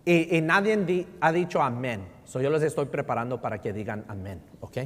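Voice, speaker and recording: A male pastor preaching a sermon in a church, mixing Spanish with English and often checking in with "right?", shifting between loud emphasis and near-murmurs. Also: mid-range voice, lively intonation, moderate pace. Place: church sanctuary. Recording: long reverb in a large hall.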